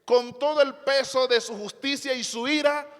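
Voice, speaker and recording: A man's voice: very high-pitched, fairly even intonation, normal speed, fairly bright tone. A male pastor preaching to a congregation, emphatic, repeating phrases and asking rhetorical questions. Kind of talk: sermon. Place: church before a congregation. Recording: long hall reverb.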